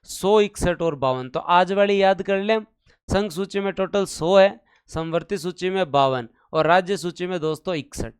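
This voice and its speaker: A man's voice: sits high, steady tone, moderate pace, smooth. A male teacher giving a live online exam-prep lecture, quizzing his viewers with repeated questions and chanting numbers to drill them. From India.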